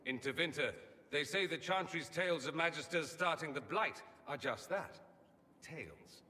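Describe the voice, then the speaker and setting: A man's voice: a little high, expressive, normal speed, bright, forceful tone, big-room sound, a little hiss or hum. An actor playing a witty, self-assured male mage from a foreign empire, theatrical in manner, in video game dialogue. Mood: brooding.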